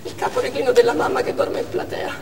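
On an indoor theatre stage, an actress plays an anguished, urgent Armenian woman doctor recounting a theatre siege in a dramatic monologue, speaking intensely and deliberately in short phrases. Her voice is a little mellow and close to everyday, and the mood is tense. The echoey hall is captured by a distant mic with faint noise.

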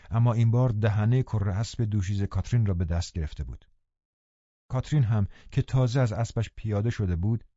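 Low mellow male audiobook narrator. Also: no room sound. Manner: calm, measured storytelling. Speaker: audiobook reader. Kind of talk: scripted narration. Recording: dull lo-fi dry recording.

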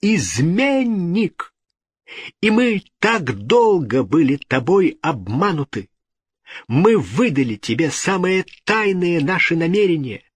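A man's voice: a little high, sing-song, unhurried, fairly bright tone, no room sound, pitched above the performer's own voice. A man playing a cruel, imperious queen. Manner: imperious, uses royal "we".

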